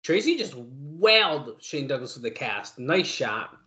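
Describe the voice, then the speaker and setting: A man's voice: mid-range voice, sing-song, unhurried, sharp tone. A man co-hosting a podcast, chatting and commenting on a wrestling match in a casual, conversational way. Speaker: podcast co-host watching wrestling. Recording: dull lo-fi sound.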